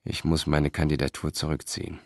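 An exhausted Roman orator who pleads in a strained, raised voice, as a man puts him on. Beneath it sits a low male voice, recorded close and dry. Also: moderate pace, creaky, no room sound. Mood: despairing. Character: weakened Roman statesman, pleading and despairing.

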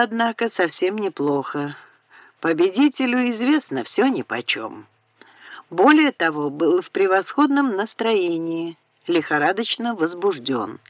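A woman narrating an audiobook in a measured, unhurried way, recorded on a close studio mic. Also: mid-range voice, no echo.

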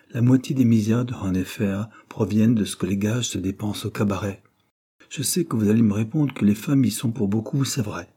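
A man's voice: on the low side, warm tone, breathy edge. A man voicing an earnest, principled young working woman in a storybook reading, speaking in a grave and admonishing way.

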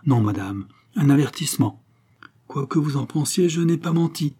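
A man reading a lovesick, jealous young gentleman. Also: fairly high pitch, lively intonation, moderate pace, husky, voice pushed up. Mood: threatening. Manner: pleading, impassioned.

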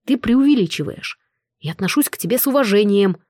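A woman reading the lines of a protective, self-assured male dragon duke in an audiobook, in a smooth, earnest manner. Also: mid-range voice, lively intonation, a little fast, a little mellow, no echo, studio quality, natural voice.

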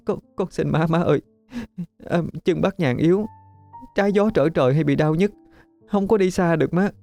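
A man's voice: on the high side, normal speed, vocal fry, a little mellow, faint music behind, voice pushed up. A man voicing a desperate young pregnant woman begging her mother in a spoken ghost story. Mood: tearful pleading.

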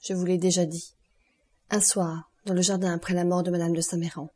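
A woman reading the part of a stern, relentless male doctor, solemn and accusing in a measured way. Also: fairly low pitch, level tone, warm tone, close to an everyday voice.

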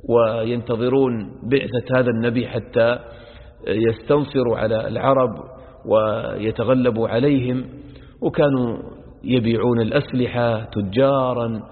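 A male sheikh teaches Quran exegesis in a medium-pitched, fairly even voice, at a measured pace with long pauses. He repeats each verse phrase, explains it word by word, and addresses listeners as brothers. The sound is an echoey hall carried over a narrow, phone-like line.

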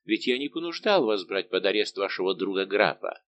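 A man's voice: deep voice, animated, brisk, a bit bright, lo-fi sound. Man voicing a haughty, imperious king. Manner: commanding, indignant questioning. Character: haughty young male king, imperious and angered. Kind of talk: audiobook reading.

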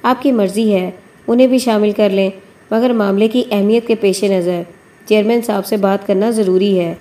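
A woman reading a courteous, wary retired army officer in a mellow audiobook read. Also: medium pitch, steady tone, lightly acted. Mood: guarded. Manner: courteous and guarded. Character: retired army major, polite and cautious company officer.

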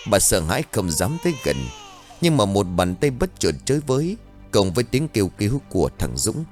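A man narrating a ghost story in a dramatic, suspenseful reading. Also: lowish voice.

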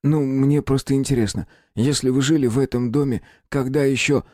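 A man's voice: mid-range voice, fairly even intonation, brisk, dark tone, dry recording, studio quality, voice pushed up, close to an everyday voice. A man voicing a polite, curious young boy in an audiobook, asking hesitant questions. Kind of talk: audiobook character voice.

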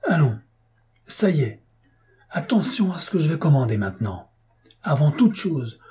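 A man's voice: a little high, dark tone, husky, voice pushed up. A man voicing a panicked ordinary man crying out against a storm in an audiobook, frantic and pleading. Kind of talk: audiobook character voice.

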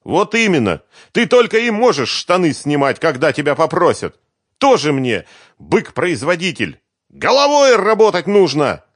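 Male reader doing a high, loud, hysterical young woman; sobbing and shrieking. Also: moderate pace, dry recording, studio quality, close to an everyday voice. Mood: scolding. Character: hysterical young woman singer, tearful, shrill. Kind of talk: audiobook character voice.

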